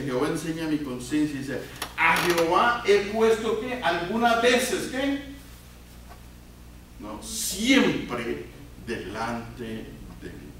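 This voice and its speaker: A man preaching a sermon, often throwing questions out to the congregation and moving between loud emphatic peaks and quiet low asides. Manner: call-and-response questions to the congregation. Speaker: pastor. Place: church sanctuary. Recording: very echoey church hall, voice from far off, faint hiss.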